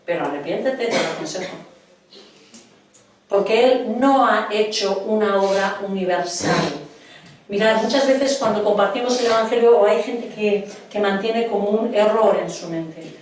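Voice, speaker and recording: A woman's voice: mid-range voice, moderate pace, darkish tone, recorded from a distance, a little hiss or hum. A middle-aged woman from preaching a sermon in a church hall, earnestly questioning her congregation. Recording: echoey hall, voice from afar.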